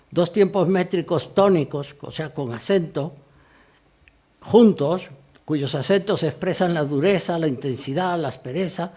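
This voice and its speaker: A man giving a measured university lecture on poetry, explaining meter and reading short verse examples slowly. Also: a little high, a little mellow. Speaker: lecturing poet. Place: lecture hall.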